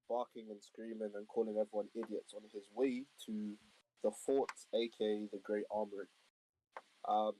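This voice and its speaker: Male player, low and mellow, rambling recap, faint noise. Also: low-quality recording. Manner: rambling, with fillers. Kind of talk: casual game recap.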